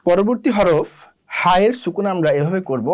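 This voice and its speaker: A man teaching the rules of Quran recitation, slowly spelling out letters and drilling their sounds one by one. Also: high voice, expressive. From Bangladesh. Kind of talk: slow instructional lesson.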